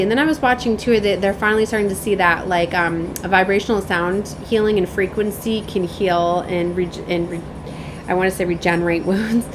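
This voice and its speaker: With background noise behind her, a woman with a mid-range voice does a spiritual oracle card reading. As a tarot and oracle card reader, she shifts between reading aloud and rambling, dropping informal asides along the way.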